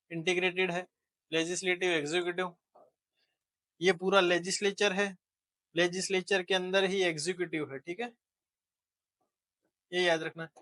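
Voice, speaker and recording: Man, young adult, teacher, casual lecture, high voice, bright tone, joking and chatty. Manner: chatty, jokey, mixes Hindi with English terms.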